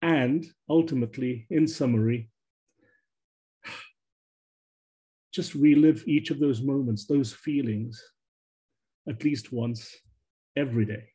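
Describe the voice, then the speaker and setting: A man wrapping up an impromptu club speech over a video call in a relaxed, encouraging way before handing back to the moderator. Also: medium pitch, takes it slowly, pauses often, breathy edge. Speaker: club member finishing a speech.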